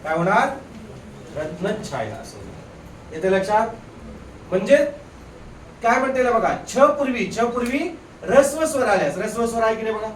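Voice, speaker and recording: High-voiced man teaching grammar in class. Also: big pitch swings, normal speed, long pauses, echoey room, far from the mic, a little hiss or hum, low-quality recording. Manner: repeats questions to the class, coaxing and explaining. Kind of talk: classroom lecture.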